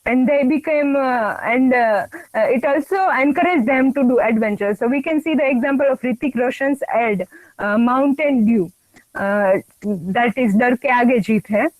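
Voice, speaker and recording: A woman with an Indian accent presenting on an online call, halting and often restarting her words. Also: on the high side, no room sound, poor audio. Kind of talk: screen-shared presentation.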